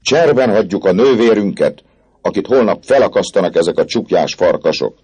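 Man voicing blustering beggar-king, rough husky shouting, swooping delivery. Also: low-pitched, big pitch swings, pitched above the performer's own voice, full character voice. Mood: indignant. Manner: loud, scornful shouting. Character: gruff male vagabond king, blustering leader.

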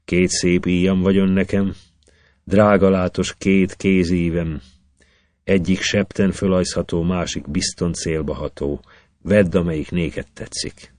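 A man's voice: deep voice, fairly even intonation, darkish tone, dry recording, close to an everyday voice. A man voicing a pleading young braggart. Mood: bargaining. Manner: pleading, bargaining in rhythmic verse.

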